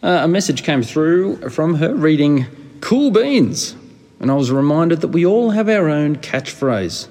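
A man's voice: a little high, very animated, measured pace, a little mellow, in a large hall. A man hosting a podcast in a casual, informal and slangy way. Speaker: podcast host.

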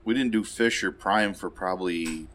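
A man's voice: deep voice, moderate pace, a bit bright, a little hiss or hum. A pub owner, a man, talking plainly and a little hesitantly about his business. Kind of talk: casual interview chat.

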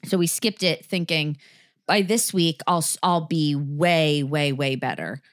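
A woman's voice: deep voice, a little slow. A woman in her thirties hosting a podcast, chatting candidly and rambling, laughing as she talks while in pain from back spasms. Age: 30s. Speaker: podcast host. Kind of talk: casual chat.

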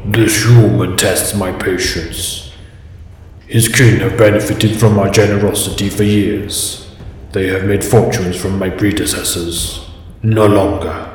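Man putting on a deep dwarf lord in cave echo. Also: fairly even intonation, measured pace. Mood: angry. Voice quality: cavern-deep rumbling voice. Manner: haughty, commanding. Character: imposing proud male dwarf lord. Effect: heavy cave-like echo. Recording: long echoing reverb, faint noise.

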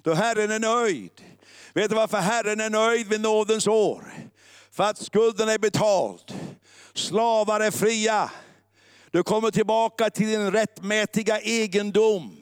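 Guy preaching, pretty high voice, super dry close sound, gets loud then goes quiet and thoughtful. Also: clean tone, no room sound. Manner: shifts between loud declaring and quiet musing; mixes English words into the talk. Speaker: pastor. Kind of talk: sermon.

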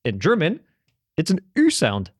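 A man with a higher voice and huge pitch swings talks at a moderate pace, gushing about language history in a casual, rambling way, often restarting and swearing offhandedly. He grew up with English as his first language and French at home too. There's no echo, and the sound is studio quality.

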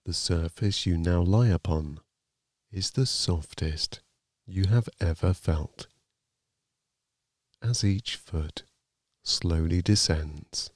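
A man narrating a guided sleep meditation like a sleep story, in a calm, soothing, gently measured manner. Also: deep voice, no echo, studio quality.

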